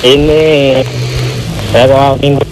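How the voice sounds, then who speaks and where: A man's voice: mid-range voice, little pitch movement, drawn-out words. A man calling in to a radio talk show over a phone line that keeps breaking up. He talks hesitantly and repeats himself. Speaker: caller. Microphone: phone call. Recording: noisy, choppy phone line.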